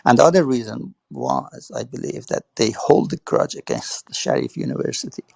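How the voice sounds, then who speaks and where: A man's voice: medium pitch, wildly swooping pitch, moderate pace, creaky, darkish tone, slightly rough, dry recording. A man speaking in an online audio chat room, hesitant, repeating words and saying "you know" often. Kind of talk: casual spoken remarks.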